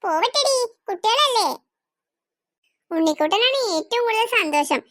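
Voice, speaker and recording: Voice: very high voice, expressive, normal speed, pushed and bright, no echo, clean studio sound, full character voice. A performer voicing a kind but firm woman who runs the household, in a cartoon. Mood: motherly. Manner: firm, motherly. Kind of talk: cartoon voice acting.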